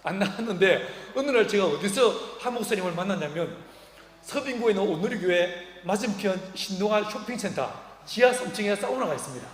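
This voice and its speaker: High-voiced pastor in an echoing hall. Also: male voice, lively intonation, fairly quick. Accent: Korean. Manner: humorous, acts out quoted dialogue. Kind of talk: sermon with storytelling. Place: church sanctuary. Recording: echoey hall reverb.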